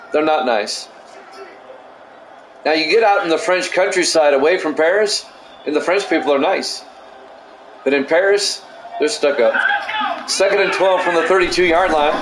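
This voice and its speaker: A middle-aged man hosting a stream and calling simulated football plays in a measured, matter-of-fact way, with casual asides. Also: on the high side. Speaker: play-by-play announcer and stream host. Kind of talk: simulated football play-by-play commentary. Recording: echoey room with steady background noise.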